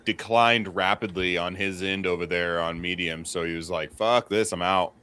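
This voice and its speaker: A man in his late thirties, a guest in a casual livestream chat over a video call, animated and laughing often. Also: deep voice, normal speed, clear, resonant tone. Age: 30s.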